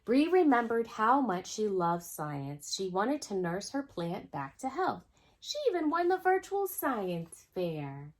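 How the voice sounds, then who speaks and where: Slowly and with big swings in pitch, a woman of medium pitch reads a picture book aloud for a children's storytime. She is expressive throughout and pauses for asides to the young viewers.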